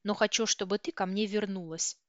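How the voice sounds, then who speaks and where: A woman reader voicing a volatile, possessive young werewolf man who pleads and snarls hoarsely, in a dry, dull recording. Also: mid-range voice, steady tone, brisk, no room sound, close to an everyday voice. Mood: pleading. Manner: hoarse pleading turning to growled shouts.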